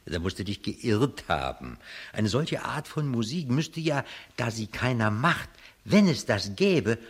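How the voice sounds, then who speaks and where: An actor playing a calm, money-minded business director in a radio play, speaking in a sober, reasoning way. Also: male voice, medium pitch, a little slow, husky, exaggerated voice. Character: calm penny-pinching male business director.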